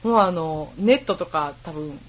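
A woman's voice: low-pitched, normal speed, muffled recording. A woman in her thirties from Okayama, a guest singer-songwriter chatting cheerfully in an interview. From Okayama, Japan. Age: 30s. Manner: cheerful, animated, laughs easily. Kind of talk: casual interview chat.

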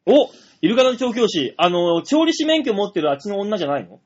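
Male comedy radio co-host, high lively voice, quick teasing retorts, lo-fi sound. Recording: dull lo-fi web radio audio.

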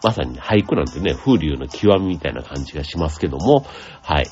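A man hosting a radio show, explaining things in a gentle, chatty way with many asides and fillers. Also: a bass voice, sing-song, brisk, highs cut off, faint music behind. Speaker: radio host. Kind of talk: casual explanatory radio talk.

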